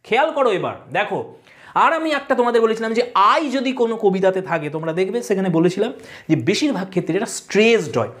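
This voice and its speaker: A woman's voice: medium pitch, expressive, fast talker. Woman teacher explaining poetry for an online class, voice goes up and down a lot, asks then answers herself. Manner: explains step by step, asks and answers her own questions. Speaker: English literature teacher. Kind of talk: online video lesson.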